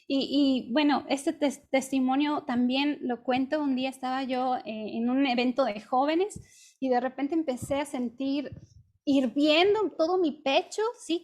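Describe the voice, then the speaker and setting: Mexican woman, high voice, chatty devotional preacher who keeps checking in with listeners. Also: darkish tone. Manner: conversational, with frequent "¿sí?" check-ins and "este" fillers. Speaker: women's ministry speaker.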